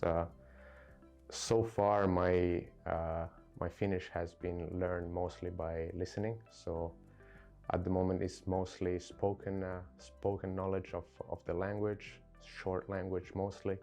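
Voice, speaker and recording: Young Italian man, low and warm, earnest and halting; corporate interview. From Italy. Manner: earnest, halting with many fillers and restarts. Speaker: credit control specialist. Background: soft music.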